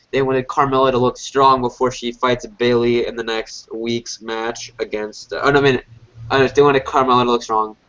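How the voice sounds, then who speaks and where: A man's voice: mid-range voice, a bit bright. Congested man rambling on a lo-fi podcast. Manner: rambling, filler-heavy, frequent restarts. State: congested, a little sick. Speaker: podcast co-host. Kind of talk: casual wrestling review chat. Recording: dull lo-fi podcast audio.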